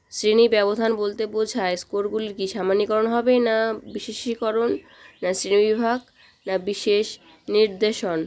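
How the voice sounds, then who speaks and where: A woman's voice: medium pitch, a little mellow. A woman teacher, reading exam questions and options aloud, then explaining each answer and often checking in with the students. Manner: reads questions then explains answers, repeats "ঠিক আছে?". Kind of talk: exam practice lesson.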